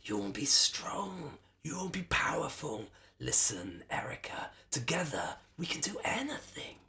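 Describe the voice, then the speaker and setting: A man's voice: fairly high pitch, big pitch swings, a little slow, bright, forceful tone, pitched above the performer's own voice, heavily acted. A man voicing a cruel female anger monster in a storybook reading, speaking in hissed, wheedling whispers.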